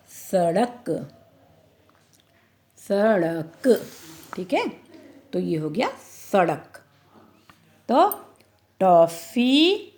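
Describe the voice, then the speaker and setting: A woman leads an online phonics lesson for young children. She reads each word out very slowly and stretches it. She asks her class questions and answers them herself. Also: mid-range voice. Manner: slow, drawn-out word-by-word reading. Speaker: primary school teacher.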